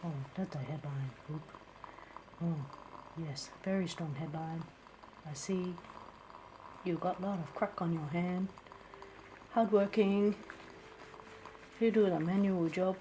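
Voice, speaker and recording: Woman doing a teasing palm reader lady, singaporean or malaysian accent, ASMR role-play, slowish and lowish voice, deadpan asmr comedy. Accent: Singaporean or Malaysian English. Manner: clipped grammar, musing hums, deadpan teasing. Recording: clear steady background noise.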